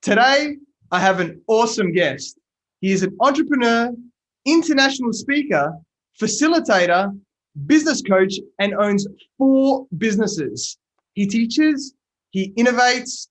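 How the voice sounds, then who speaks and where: A man hosting a business podcast over a video call, with a fairly high voice. He delivers his introductions with punch and emphasis, then asks his questions in a looser, halting way full of fillers. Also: a bit bright. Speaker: podcast host. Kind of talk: interview.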